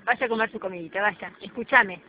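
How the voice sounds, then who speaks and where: A woman with an Argentine accent talks to her pet bird in doting baby talk and gentle scolding. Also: medium pitch, fairly quick, loud music behind the voice. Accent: Argentine Spanish. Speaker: bird rescuer. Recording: muffled home video with background noise.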